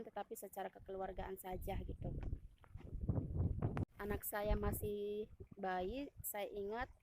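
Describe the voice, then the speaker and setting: An Indonesian woman in her thirties hosts her own channel, sharing a personal testimony with viewers in a casual, halting way, full of fillers and self-corrections. Her medium-pitched voice has a darkish tone, and the low-quality recording carries slight background noise.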